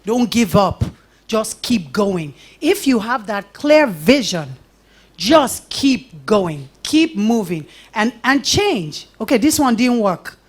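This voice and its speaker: A woman's voice: medium pitch, big pitch swings, takes it slowly, husky. A middle-aged Nigerian woman giving a live talk at an event, telling stories with animation and acting out little quotes between laughs. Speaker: invited speaker.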